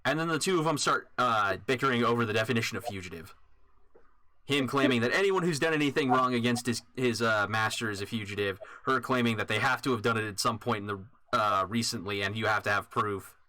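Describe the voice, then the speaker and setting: A man narrating as dungeon master in a relaxed way with many pauses and fillers. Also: mid-range voice, slight background noise. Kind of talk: narrating a tabletop game.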